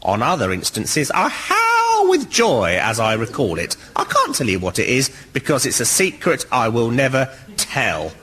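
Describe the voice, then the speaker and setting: A man's voice: mid-range voice, huge pitch swings, moderate pace, hardly any pauses, fairly bright tone. A man speaking as a comedy panelist, delivering mock-grand, dramatic lines. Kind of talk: comic monologue in a panel game.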